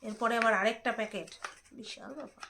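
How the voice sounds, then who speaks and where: A woman's voice: fairly high pitch, steady tone, fast, background noise. A woman, chatting casually as she unboxes items and teases her husband. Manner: teasing, bickering with her husband. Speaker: vlogger. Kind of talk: casual home vlog, unboxing.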